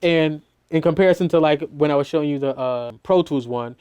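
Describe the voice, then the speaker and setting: Walking a listener through how he mixes in the studio, this middle-aged engineer speaks briskly in a clean, darkish voice on the high side. He's loose and casual, constantly saying "you know" and restarting sentences.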